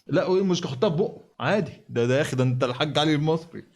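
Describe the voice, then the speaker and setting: A man's voice: fairly high pitch, lively intonation, a little mellow. A man with an Egyptian accent hosting a reaction video, talking in an exasperated, sarcastic way. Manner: exasperated, sarcastic, rapid-fire. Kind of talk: mocking reaction commentary.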